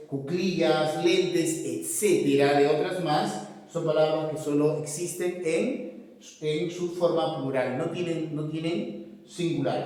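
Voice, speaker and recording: A man's voice: a little high, darkish tone. A man explaining a grammar lesson step by step, often checking in with his students. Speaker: teacher. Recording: echoey room, voice far from mic.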